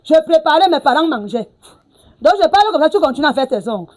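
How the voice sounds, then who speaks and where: A woman's voice: high-pitched, expressive, fast, background noise. An actress playing a middle-aged mother who scolds her daughter, repeating herself with "hein" and "ah bon". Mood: scolding. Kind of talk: film drama acting.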